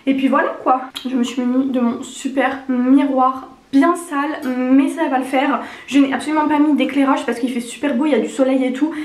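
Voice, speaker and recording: Her high-pitched voice carries a lingering cold's congestion, slightly honking and duck-like, as she briskly reviews makeup with few pauses and a steady tone. The young beauty vlogger is chatty, rambling and slangy, and her room sounds noticeably echoey.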